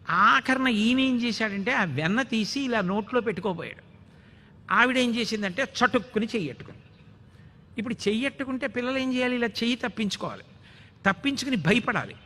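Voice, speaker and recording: A man giving a devotional storytelling discourse, animated, slowly chanting verses between narration. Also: high-pitched, a little hiss or hum. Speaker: religious discourse speaker.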